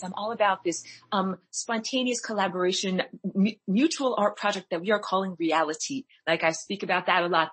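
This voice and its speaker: A woman's voice: mid-range voice, slightly rough, no echo. A woman speaking as a talk show guest, explaining her ideas in an earnest, conversational way.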